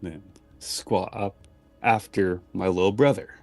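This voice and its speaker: A man's voice: low voice, steady tone, slow pace, darkish tone. A man playing a stern, parental dragon rider who scolds a youngster in firm, clipped commands in a tabletop game. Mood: commanding.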